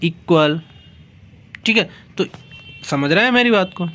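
A male teacher giving an exam-prep grammar lesson, explaining slowly and repeating himself, spelling out letter by letter. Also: high-pitched, animated, sharp tone, slight background noise. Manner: slow, repetitive explaining, spelling words out letter by letter.

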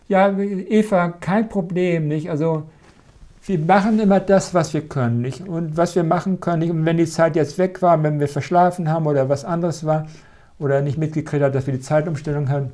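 A man giving a live spiritual talk as a meditation teacher, calm and gently reassuring, often checking in with a questioning tag. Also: a little high, moderate pace.

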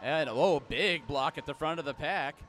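A man calling live play-by-play, with brisk calls that jump up in pitch and loudness on big plays. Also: slight background noise. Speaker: play-by-play commentator. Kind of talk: live sports commentary.

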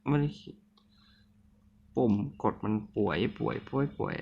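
A man's voice: moderate pace, dull audio. Jumpy sick-sounding man playing a horror game. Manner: jumpy, nervous, apologetic, talks to himself. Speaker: gamer. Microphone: phone mic.

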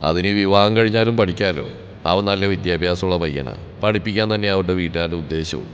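A man's voice: lo-fi sound, slight background noise, close to an everyday voice. A man voicing a stern older uncle and family elder who speaks firmly and with command. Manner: firm, commanding, low and measured. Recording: reverberant room with background music.

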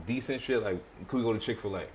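A man's voice: mid-range voice, fast. A man in his thirties hosting a podcast with casual, teasing, challenging interview banter. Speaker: podcast host. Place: small studio set on a couch, indoors. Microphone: clip-on lapel mic.

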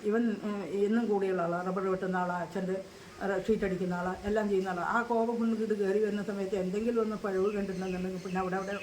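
An older woman who lives in a care home speaks quickly, telling her story in an emotional interview. She stumbles, restarts and repeats herself as she talks through her grief. Her voice sits at a middle pitch, and a faint hum runs behind it. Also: fairly even intonation, darkish tone. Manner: halting, grieving, repeats herself.

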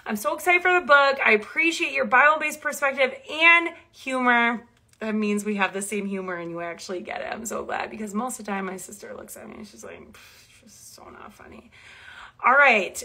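Young woman, Minnesota accent, chatty live-stream host, bright clear voice, fairly high. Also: lively intonation, a little fast. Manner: chatty and enthusiastic, reads viewer comments aloud. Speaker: Bible teacher and author hosting a live stream. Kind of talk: casual live-stream chat and spoken prayer.

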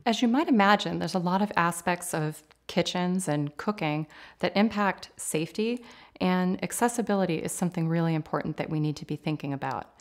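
A woman in her forties, an occupational therapist, explaining things in a clear, measured, instructive way in a home kitchen. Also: on the low side, faint music behind. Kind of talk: explanatory interview talk.

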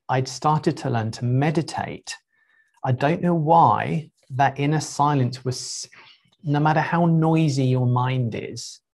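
A middle-aged man, a spiritual teacher, speaking to a group in an unhurried, reflective way with frequent pauses and 'um's. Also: medium pitch, gravelly.

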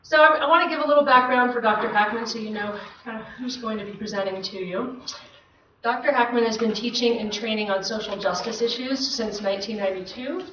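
A woman's voice: fairly high pitch, brisk, a bit bright. A woman hosting an event reads out a formal speaker introduction. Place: large, full seminar room. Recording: echoey, noisy, distant, slightly muffled room recording.

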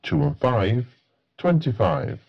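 A man calls bingo numbers in a formulaic, matter-of-fact way. His voice is husky and swings noticeably in pitch as he goes at a slow pace. The sound is a little dull and lo-fi. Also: animated. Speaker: bingo caller. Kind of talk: bingo calling, each number announced in a set phrase.

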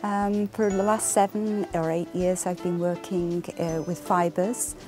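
A woman in her sixties with an English accent, a fibre artist speaking reflectively in a documentary interview, pausing often with ums. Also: on the low side, little pitch movement. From England. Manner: reflective, soft-spoken, many ums and uhs. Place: home craft room. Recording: soft music underneath.

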